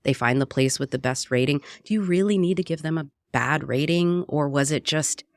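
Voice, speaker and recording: A woman's voice: deep voice, moderate pace, no echo, clean studio sound. Earnest reflective woman interview guest. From Puerto Rico. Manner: earnest and reflective, frequent "right?" tags. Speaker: guest, cookbook author and radio producer. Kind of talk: conversational interview.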